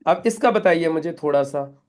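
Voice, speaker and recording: A man's voice: a little high, animated, normal speed, a little mellow. A middle-aged man leading a live training session in a meeting room, instructing the group and quizzing them with questions.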